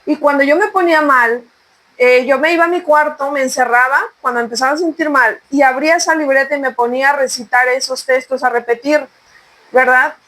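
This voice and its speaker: High-pitched woman, earnest testimony-style talk, exhorts the listener. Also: fairly even intonation, fairly quick, a bit bright, poor audio. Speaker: podcast co-host sharing testimony. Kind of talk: conversational faith testimony.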